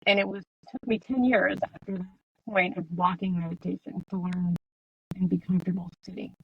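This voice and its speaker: Woman guest talking meditation-style, kinda husky, dry close sound. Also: lowish voice, fairly even intonation, fairly quick, dry recording, highs cut off. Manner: reflective, soft-spoken, many fillers. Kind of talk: casual interview conversation.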